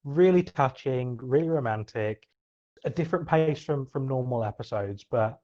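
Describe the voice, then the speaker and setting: A man co-hosting a podcast chat, hesitant and full of ums but warmly enthusiastic. His mid-pitched voice comes through a slightly dull, lo-fi microphone. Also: animated, normal speed. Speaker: podcast co-host.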